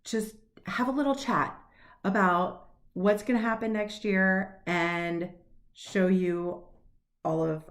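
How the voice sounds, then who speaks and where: A woman's voice: mid-range voice, fairly even intonation, slow. Chatty upbeat woman in her forties. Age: 40s. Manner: chatty, upbeat, laughs at herself. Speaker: cross stitch vlogger. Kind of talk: casual chat to camera.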